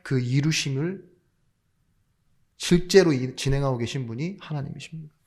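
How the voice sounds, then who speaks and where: A man's voice: medium pitch, normal speed, darkish tone. A male pastor giving a sermon, asking rhetorical questions, throwing in jokes, and suddenly raising his voice for emphasis. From South Korea. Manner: jokey asides.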